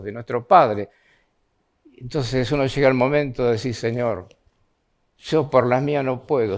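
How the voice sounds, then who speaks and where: A man's voice: mid-range voice, creaky. A man with an Argentine Spanish accent preaching an earnest sermon in a church, reading scripture aloud with a rising, pleading tone.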